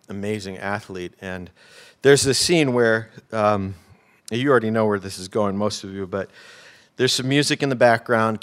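A man preaching a sermon as a pastor, telling stories with animated swings between loud emphatic peaks and hushed low asides.

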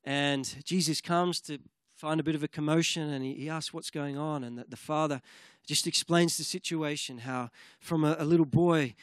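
An earnest man delivering a sermon, his voice sitting a little higher than most men's. The sound is dry and close, with no room echo. He sometimes moves into fervent spoken prayer. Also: fairly even intonation, normal speed, hardly any pauses. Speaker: preacher.

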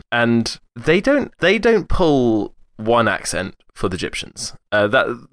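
A man's voice: fairly low pitch, a bit bright, no echo, clean studio sound. A young man hosting a casual chat, explaining his points with frequent restarts and eager detail. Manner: hesitant, many restarts, enthusiastic about detail. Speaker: podcast host discussing accents.

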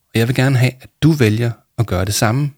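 A man reading aloud voices Paul, a calm and gentle adult counsellor. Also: medium pitch, no room sound, clean studio sound, lightly acted.

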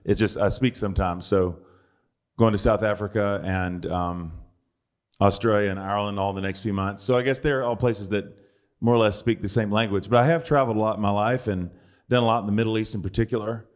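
A man's voice: fairly low pitch, fairly even intonation, a little fast. A man giving a conversational sermon, with dry, joking asides. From United States. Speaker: preacher.

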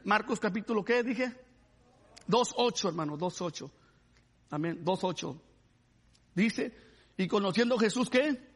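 A man's voice: very high voice, fairly bright tone. A man preaching a sermon, calling his listeners "brother" and asking them to praise the Lord. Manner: repeats "hermano" and asks the congregation to praise the Lord. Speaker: pastor.

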